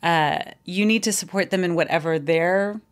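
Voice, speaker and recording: On a laid-back podcast, a relationship expert guest in her forties gives blunt advice about relationships. Her voice sits on the low side, and her pace is normal.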